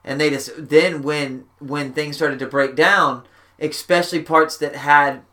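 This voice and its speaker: A man with a slightly high voice hosts a podcast from a backyard shack, speaking at a measured pace. He chats casually, rambling on in an animated way and swearing freely.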